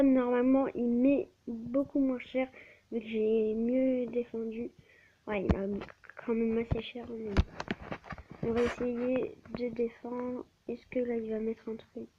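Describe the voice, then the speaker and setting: A woman giving live gameplay commentary on her channel, often stammering and restarting words, recorded on a tablet mic. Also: a little high. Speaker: gaming channel host. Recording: dull lo-fi with faint hiss.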